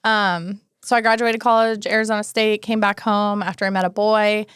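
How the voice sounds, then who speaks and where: A woman in her early thirties speaks as a podcast guest, her voice smooth and clear. She tells her story casually and acts out what people said. The sound is dry and close, with no room in it. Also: mid-range voice, moderate pace, no room sound. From Alaska, United States. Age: 30s. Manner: storytelling, animated quoted asides. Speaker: guest, city housing and homelessness coordinator. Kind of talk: casual interview conversation.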